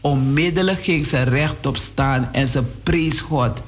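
A man preaching a sermon on the radio, whose voice jumps up in pitch and speeds up at times. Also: slow pace, faint music behind. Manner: preaching with sudden rises in pitch and pace. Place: radio studio.

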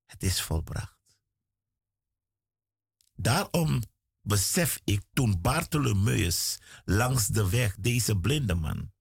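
Gravelly, slow preacher. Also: male voice, expressive, no echo, studio quality. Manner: dramatic preaching with big swings in pitch; slow and emphatic, repeating phrases. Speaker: guest preacher. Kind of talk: radio sermon.

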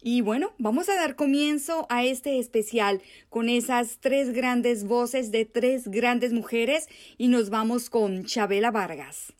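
Woman, radio host, recording from home, fairly high pitch, measured announcer delivery. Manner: measured, reads out contact details and guest introduction.

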